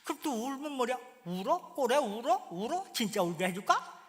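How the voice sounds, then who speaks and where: A man's voice: extremely high pitch, very animated, a little fast, long reverb tail, voice pushed up. A man playing a furious scolding mother. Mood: mocking. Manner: harsh, berating. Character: angry scolding middle-aged mother.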